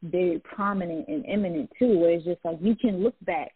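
Husky woman over a tinny line. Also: fairly low pitch, fairly quick, no room sound. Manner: reflective, many "like" fillers. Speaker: poet and public speaker. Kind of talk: casual conversation.

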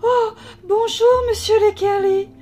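A woman voicing a dreamy, romantic, fussy single lady in a read-aloud story, speaking high and dramatically. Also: flat delivery, a little slow, dark tone, soft background music. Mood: gushing.

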